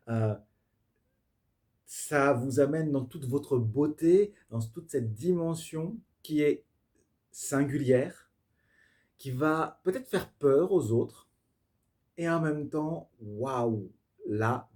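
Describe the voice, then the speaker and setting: A man giving an improvised tarot reading to camera, effusive and spiritual, speaking straight to his viewers and often pausing to search for words with fillers and restarts. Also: mid-range voice, dark tone. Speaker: tarot reader.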